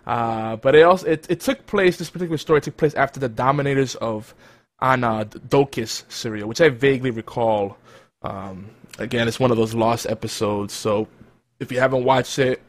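A man's voice: medium pitch, moderate pace. A man hosting a casual podcast segment, rambling with fillers and self-corrections. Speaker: podcast host. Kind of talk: casual chat.

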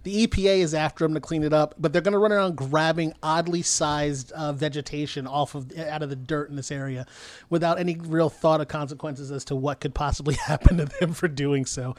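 A man's voice: fairly high pitch, steady tone, brisk, no room sound. A man co-hosting a podcast, retelling a movie plot in a rambling, hesitant way with frequent laughs. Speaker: podcast co-host. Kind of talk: casual movie recap chat.

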